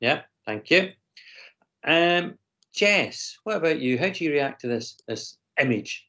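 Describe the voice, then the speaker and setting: A man with a fairly high, sharp voice and lively intonation speaks at a measured pace while teaching an online class and leading a discussion. He sounds hesitant, with frequent ums and restarts, and the video call audio is slightly dull.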